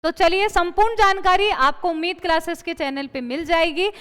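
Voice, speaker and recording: A woman teaching an exam-prep English lesson, explaining in Hindi, reading English example sentences slowly and asking the class questions she then answers herself. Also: very high-pitched, steady tone, a bit bright, long reverb tail.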